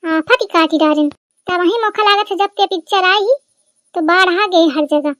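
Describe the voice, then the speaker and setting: एक महिला द्वारा कानपुरी लहजे वाली तीखी देहाती बहू. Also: female voice, extremely high pitch, moderate pace, fairly bright tone, dry recording, studio quality. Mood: grumbling. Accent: Kanpuri rural Hindi. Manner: scolding, blunt village banter. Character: grumbling rustic daughter-in-law, sharp-tongued, middle-aged. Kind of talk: animated cartoon comedy voicing.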